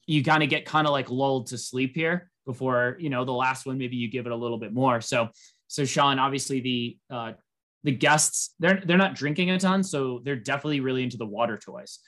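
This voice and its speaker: A man talking casually as a co-host, with an average pitch. He rambles through his points with plenty of fillers and restarts, and livens up whenever he quotes someone. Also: a little fast. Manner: rambling, filler-heavy, animated when quoting. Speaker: podcast co-host. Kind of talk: casual chat recapping a reality show.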